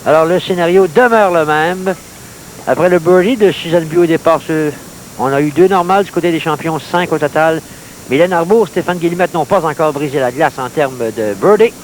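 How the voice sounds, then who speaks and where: A man with a Quebec French accent calling play-by-play in the manner of a golf commentator, in measured, clipped phrases that follow each shot. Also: a little high. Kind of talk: golf-commentator style play-by-play of a mini-putt match. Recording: noisy late-1980s TV sports recording.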